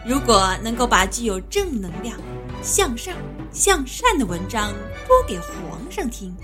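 A woman's voice: a little high, big pitch swings, a little slow. A woman voicing a shrewd imperial consort who sees through schemes and coaxes the others along. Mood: coaxing. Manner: knowing, coaxing. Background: background music.

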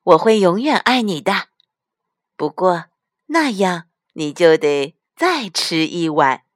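A woman's voice: mid-range voice, dry recording, clean studio sound. Woman doing a reassuring mother bear. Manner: warm, reassuring. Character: patient loving mother bear.

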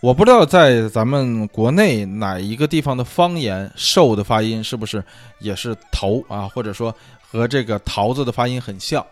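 A man's voice: mid-range voice, animated, moderate pace, faint music behind. A man hosting a casual solo talk show, musing aloud in a chatty way with many fillers. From China. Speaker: podcast host. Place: lives abroad.

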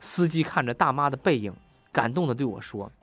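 A man's voice: mid-range voice, lively intonation, brisk, a bit bright, dry recording, soft background music. A man hosts a comic radio show, reading jokes and laughing at his own punchlines. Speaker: radio host.

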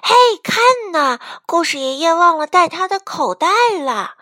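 A woman's voice: very animated, unhurried, pushed and bright, no echo, clean studio sound, full character voice. Woman doing a chirpy young hen chick. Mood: alert. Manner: high, chirpy.

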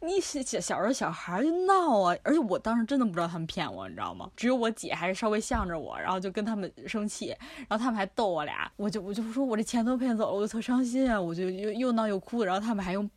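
A woman, co-hosting a casual chat and telling a childhood story with lively swearing and animation. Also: medium pitch, no room sound. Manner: rapid, animated, swears freely. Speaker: podcast co-host.

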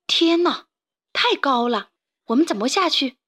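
A woman voicing a young rooster chick, eager and quick in a children's storybook. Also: high voice, expressive, a bit bright. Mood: worried.

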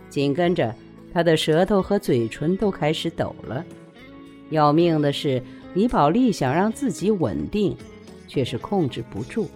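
A woman reading a novel aloud, voicing every character herself. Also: sits low. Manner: expressive reader voicing all roles. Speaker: storyteller.

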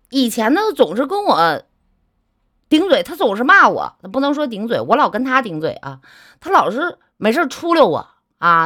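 A woman telling a ghost story in a chatty, teasing, animated way as host. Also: on the high side, no echo, studio quality. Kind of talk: casual spoken ghost story.

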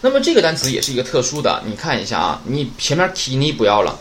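A man gives a casual Japanese vocabulary lesson at a quick pace, chatty and lively with swinging pitch. He often asks rhetorical questions and then answers them himself, and there is slight background noise.

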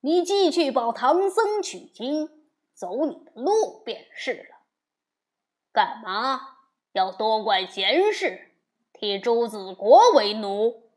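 A woman voicing a boastful male demon king in a storybook tale, talking loudly and bluntly. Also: mid-range voice, slow pace, lightly acted. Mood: blustering. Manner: loud and blustering.

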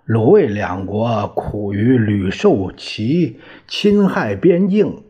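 A man's voice: lowish voice, animated, takes it slowly, warm tone, breathy edge, full character voice. A man playing a stern reproachful general. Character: stern male envoy-general rebuking a rival state. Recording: dull lo-fi recording.

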